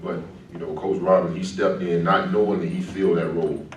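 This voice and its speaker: A man's voice: low voice, steady tone, fairly quick. A man speaking as a former player, giving a casual, rambling tribute speech at an awards ceremony with lots of "you know" fillers. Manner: rambling and conversational, many "you know" fillers, laughs between phrases. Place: indoor event hall. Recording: echoey hall, heard from a distance, faint room noise.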